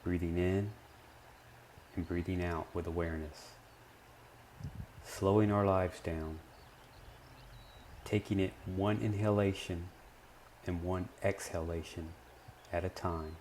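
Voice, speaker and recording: Gently guiding a meditation, a man speaks in brief, measured phrases with long silences between them. His voice is low-pitched with fairly even intonation, and a little hiss or hum sits under the recording.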